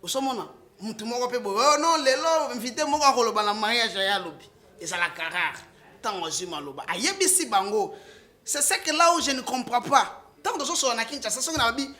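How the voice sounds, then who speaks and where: A man's voice: extremely high pitch, animated, a little fast. Emphatic Congolese man defending a politician. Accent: Congolese French. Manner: emphatic, rising to loud outbursts, with restarts. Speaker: political guest, party supporter. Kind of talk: impassioned political talk, mixing French and Lingala.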